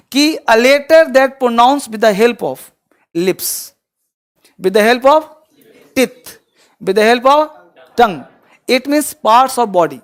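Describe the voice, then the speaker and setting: A man's voice: very high voice, a bit bright. A man teaching an online English class in Hindi, asking his students questions and answering them himself. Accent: Bhojpuri-region Hindi.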